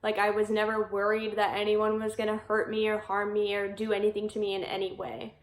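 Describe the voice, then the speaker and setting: A woman in her twenties chatting casually to camera in a vlog, filling her talk with "like" and quick laughs. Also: mid-range voice, monotone, roomy sound. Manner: chatty, peppered with "like", frequent laughs. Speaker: vlogger. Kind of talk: casual talking-head vlog.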